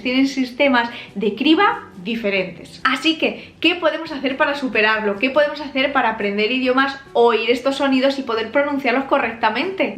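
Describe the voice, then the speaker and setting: A woman with an accent from Spain, explaining a language lesson clearly and patiently, with examples. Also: high voice, a bit bright, reverberant. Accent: Spain Spanish. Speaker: language teacher.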